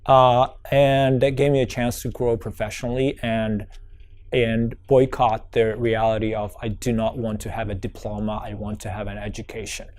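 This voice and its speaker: In an oral history interview, a young Georgian-born man, a native Georgian speaker with an American accent, reflects on his life, restarting often and using lots of fillers. His voice is lowish and darkish in tone.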